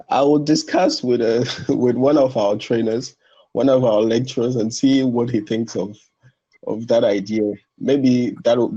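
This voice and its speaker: Interviewed as a guest, this young translation student from Benin, who speaks French, stumbles and restarts as he answers. The audio is muffled and low-fidelity, and his voice is mellow and slightly rough.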